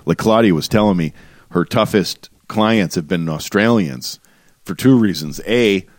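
A man's voice: deep voice, a little slow, no echo, studio quality. A man co-hosting a podcast, joking around and swearing freely in casual banter. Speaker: podcast co-host.

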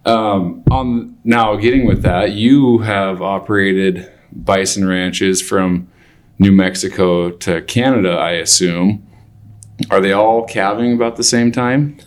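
Older male interviewer, low voice, very slow and deliberate, reflective cattleman. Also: steady tone. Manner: deliberate, thinking aloud in pieces.

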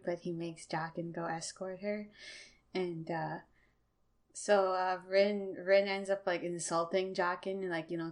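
Hesitant woman with a lowish voice. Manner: hesitant, many "uh" and "um". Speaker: podcast guest recapping. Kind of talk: casual recap.

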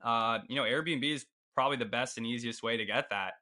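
Bright-voiced man, halting and casual. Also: medium pitch. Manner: halting, many "uh" and restarts. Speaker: podcast guest, rental investor. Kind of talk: casual interview answers.

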